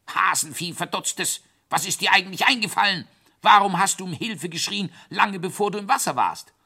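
A man playing a gruff, brave storybook companion who scolds sharply in a raised voice. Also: high-pitched, normal speed, sharp tone, voice pushed up, heavily acted. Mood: scolding.

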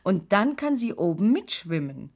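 A woman narrating a children's radio play in a calm, clear storytelling manner. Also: mid-range voice, normal speed.

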